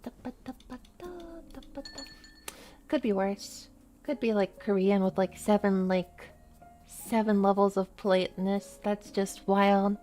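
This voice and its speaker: A woman's voice: mid-range voice, level tone, measured pace, mellow, faint music behind. A woman streaming a game, talking casually and rambling with lots of fillers. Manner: chatty, rambling, many "like" fillers. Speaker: VTuber streamer. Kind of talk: casual chat while playing a game.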